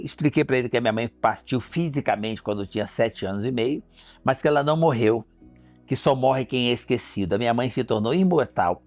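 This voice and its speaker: A man's voice: mid-range voice, no room sound. A middle-aged Brazilian man, an entrepreneur, telling a heartfelt personal story with emotion and acting out remembered conversations. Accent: Brazilian Portuguese. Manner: emotional, acts out remembered dialogue.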